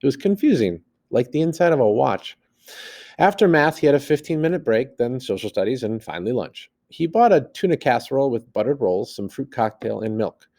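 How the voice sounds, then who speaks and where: A man reads a story aloud like a teacher, animated and expressive, acting out the dialogue and adding plain asides. His voice is medium-pitched and brisk.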